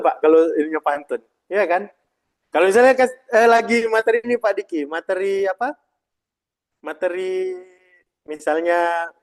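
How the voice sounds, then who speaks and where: A man with a fairly high voice teaches a live presentation-skills workshop. He talks in a lively, emphatic way and keeps asking the audience whether things are clear. He is speaking in a meeting room to a live audience. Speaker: presentation trainer.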